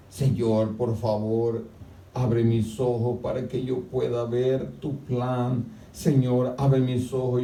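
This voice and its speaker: Pastor guy preaching, keeps saying hermano, gets loud and high, sounds far from the mic. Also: vocal fry. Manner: preaching with frequent "hermano", swings to loud high-pitched shouting. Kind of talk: sermon. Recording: echoey church sound from a distant mic.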